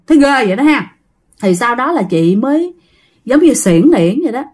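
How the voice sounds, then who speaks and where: A woman's voice: fairly high pitch, a bit bright. A woman telling a ghost story in a chatty way, often speaking straight to her listeners. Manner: chatty, addresses listeners directly.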